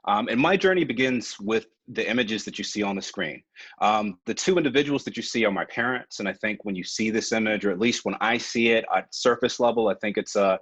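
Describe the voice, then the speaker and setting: An American man in his forties gives an earnest, reflective webinar presentation telling stories from his own life, with frequent ums. His lowish voice is husky and fairly bright in tone, and he speaks a little fast. The recording is dry, with dull, lo-fi webinar audio.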